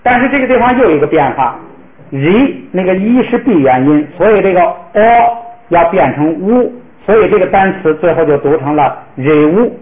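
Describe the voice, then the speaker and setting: A man teaching a classroom pronunciation lesson, patiently modeling words slowly for the class to repeat. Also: high-pitched, animated. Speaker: language teacher. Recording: echoey room, tinny phone-like sound.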